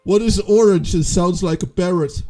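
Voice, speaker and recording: A man's voice: sits high, normal speed, mellow. A man in a casual poker chat who tells simple jokes and stumbles over his words. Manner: hesitant, stumbling delivery. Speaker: poker game regular.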